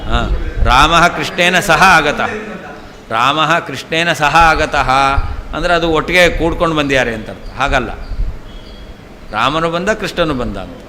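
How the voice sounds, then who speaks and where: In a temple hall, an older man who is a scholar leads a traditional scripture class, patiently explaining and going back over key terms. His pitch is fairly high, his delivery a little slow with long pauses, and his tone pushed and bright. Long hall reverb and faint ambient noise come through on the recording.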